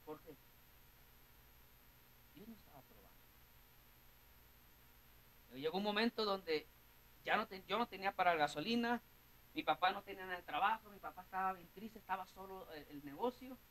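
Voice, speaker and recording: High-voiced Mexican preacher, earnest. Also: male voice, normal speed, pauses often, a bit bright, slight background noise, rough recording. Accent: Mexican Spanish. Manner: earnest, repeats words, keeps addressing listeners as brother. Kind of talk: sermon with personal testimony.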